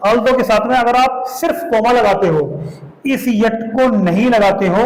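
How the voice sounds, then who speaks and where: A man's voice: sits high, roomy sound, poor audio. A man teaching a grammar lesson, explaining step by step and asking and answering his own questions.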